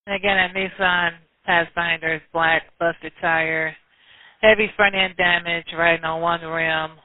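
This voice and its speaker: A man's voice: on the high side, level tone, unhurried, no echo. A man working as a police dispatcher over a police radio transmission, relaying vehicle details steadily with small hesitations. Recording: tinny dry radio channel.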